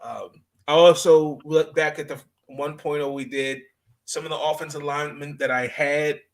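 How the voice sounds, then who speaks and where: A man hosting a sports podcast in casual, unscripted talk, halting and repeating phrases as he goes. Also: fairly high pitch, steady tone, a little hiss or hum.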